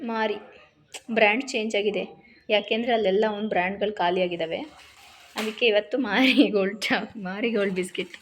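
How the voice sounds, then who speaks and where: A woman talking to her pet dog in a scolding, coaxing way, then quietly explaining to viewers. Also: medium pitch, steady tone, fairly quick, slight background noise. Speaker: pet vlogger.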